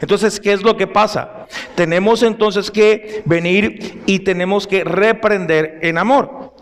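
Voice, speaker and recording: Man, pastor, sermon, reads scripture and explains it, high voice, long hall reverb. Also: steady tone, measured pace. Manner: addresses the congregation directly with rhetorical questions.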